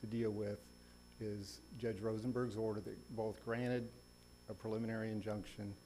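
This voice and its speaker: A man's voice: fairly low pitch, flat delivery, moderate pace, dark tone, rough recording. A man speaking as a lawyer, presenting a formal oral argument in a courtroom. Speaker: lawyer arguing an appeal. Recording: faint hum and background noise.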